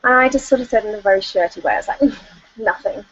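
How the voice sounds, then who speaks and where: A woman's voice: mid-range voice, rapid-fire. A middle-aged woman, telling a personal story as a life coach on an online call, candid and chatty with plenty of fillers. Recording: dull lo-fi call audio.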